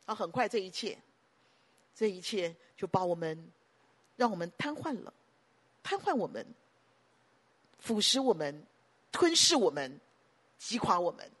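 A woman pastor preaching a sermon emphatically, piling up repeated phrases and breaking into sudden loud bursts. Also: mid-range voice, sing-song, measured pace, long pauses, husky.

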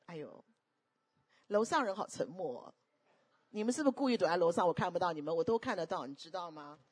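A woman preaching a sermon, animated and constantly questioning the congregation. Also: lowish voice, fast talker, husky.

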